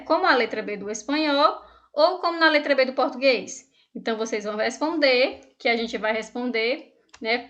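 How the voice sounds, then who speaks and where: A woman from Brazil teaches an online Spanish lesson, patiently explaining, asking the class questions, and reading exercises aloud. Her voice is high and fairly bright.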